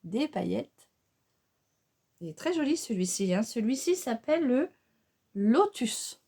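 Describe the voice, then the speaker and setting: With a husky, slightly high voice at a measured pace, a beauty vlogger chats to her viewers through a casual makeup tutorial. She hesitates often and uses many fillers, breaking into excited exclamations about the colors.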